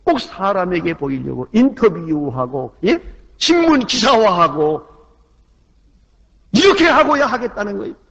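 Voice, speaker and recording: A Korean man preaching a sermon with great passion, moving from loud cries to quiet asides and acting out the people in his stories, on a dull old sermon recording. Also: high-pitched, sing-song, normal speed, vocal fry, hardly any pauses. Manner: impassioned, swings from loud exclamations to hushed asides; acts out quoted voices in the story. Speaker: pastor. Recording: dull lo-fi 1998 sermon tape.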